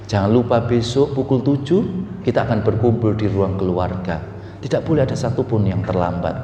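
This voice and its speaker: A man voicing a stern mother solemnly summoning her children, speaking slowly and gravely, in an echoey hall. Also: on the low side, mellow, highs cut off, a little hiss or hum, pitched below the performer's own voice. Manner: slow, grave, solemn announcement.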